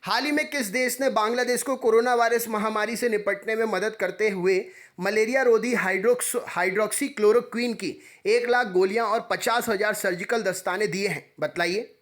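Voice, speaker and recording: A man teaching exam preparation, reading quiz questions and answers in a brisk, repetitive way. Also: high-pitched, fairly even intonation, fairly bright tone.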